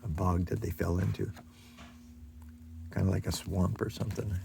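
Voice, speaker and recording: A man's voice: deep voice, fairly even intonation, moderate pace, vocal fry, warm tone, slight background noise. An older man reading a rhyming picture book aloud to a child, with chatty asides about the pictures.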